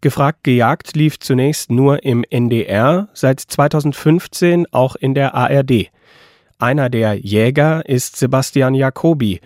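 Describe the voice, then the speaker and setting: A man reading a scripted documentary voice-over in an even, informative tone. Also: medium pitch, measured pace, dry recording, clean studio sound. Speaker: documentary narrator.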